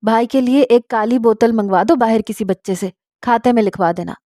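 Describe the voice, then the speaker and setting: A woman's voice: a little high, dark tone, dry recording, clean studio sound, natural voice. Woman doing a doting, flustered mother. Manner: doting, covering up with quick excuses. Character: fussing middle-aged mother, fond and anxious.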